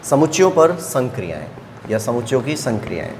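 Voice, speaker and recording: A man's voice: mid-range voice, very animated, a little fast, creaky, in a large hall, background noise. A man teaching a maths lesson, explaining step by step and often checking whether the class understands.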